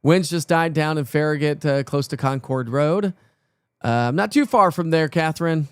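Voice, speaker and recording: A man's voice: a little high, normal speed, clean tone, no room sound, studio quality. A man presenting live severe weather coverage off the cuff, talking informally and directly to viewers.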